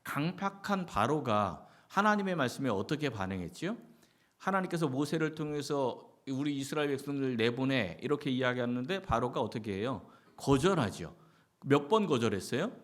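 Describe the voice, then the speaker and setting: Male pastor in a Sunday sermon, middle pitch, animated intonation, question-and-answer preaching style. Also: normal speed. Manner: asks the congregation many questions and answers them himself; lively, rising and falling delivery with short acted-out quotes.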